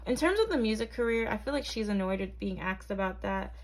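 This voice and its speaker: A woman's voice: mid-range voice, animated, fairly quick. Young woman, tarot reader, casual, rambling, filler-heavy. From Barbados. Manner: chatty, hesitant, lots of ums and likes. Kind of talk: casual tarot reading to camera.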